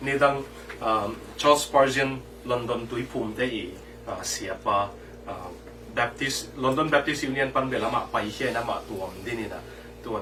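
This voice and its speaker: A man preaching a sermon with lively delivery, dropping English terms into his talk. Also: mid-range voice. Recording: distant mic with faint background noise.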